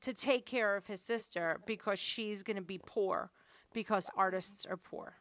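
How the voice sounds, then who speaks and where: A woman in her forties chatting casually, an animated storyteller acting out her family's lines. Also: medium pitch, normal speed, no room sound. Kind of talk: casual chat.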